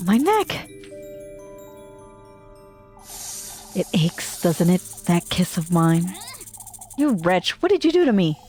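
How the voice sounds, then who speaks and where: A woman voicing a young girl in a horror game, speaking higher, strained and indignant. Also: sing-song, measured pace, darkish tone, soft background music. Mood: pained. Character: young girl, defiant and in pain. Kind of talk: reading game dialogue aloud.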